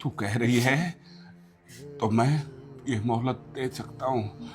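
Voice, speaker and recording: A man playing a stern, hurt elderly father-in-law in a family drama, speaking slowly and gravely, then breaking into angry shouts. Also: medium pitch, steady tone, soft background music, lightly acted. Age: older. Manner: slow, grave pleading that erupts into shouting.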